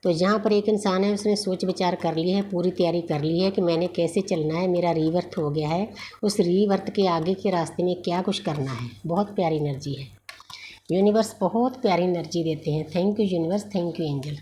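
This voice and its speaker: A woman giving a spiritual tarot reading in a gentle, unhurried, reassuring way. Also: on the low side, slight background noise. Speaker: tarot reader.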